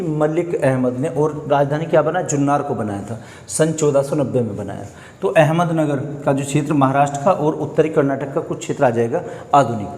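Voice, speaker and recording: Male exam-prep tutor, raised pitch, asks and answers his own questions, long room echo. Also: darkish tone. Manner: poses questions and answers them himself. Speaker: history teacher. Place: coaching classroom.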